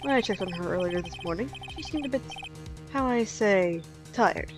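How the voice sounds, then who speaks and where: A woman playing a measured, falsely polite and menacing male kidnapper in a video game. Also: mid-range voice, lively intonation, over music, lightly acted. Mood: calm menace. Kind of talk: amateur video game voice-over.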